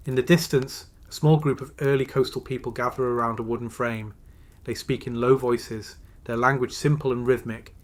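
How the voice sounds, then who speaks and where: Man narrating a slow, soothing sleep story. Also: mid-range voice. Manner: slow, soothing, measured delivery with pauses.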